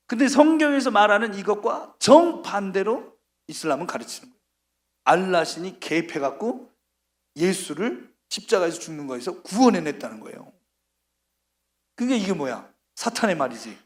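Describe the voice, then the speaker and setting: A high-pitched man delivers a sermon as a missionary preacher. He tells his story with animated energy and slips into acted-out voices for the people in it. He sounds middle-aged.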